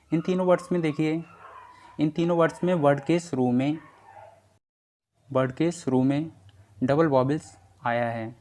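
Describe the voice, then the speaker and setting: Slow, patient male English teacher. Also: mid-range voice, darkish tone. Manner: slow, careful explanation of spelling rules, spelling words out one by one. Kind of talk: spoken English lesson.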